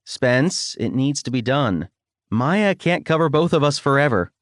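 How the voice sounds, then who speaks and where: A male narrator voicing a brisk, direct businesswoman speaking to her twin brother. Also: mid-range voice, very animated, no room sound, studio quality, voice pushed up.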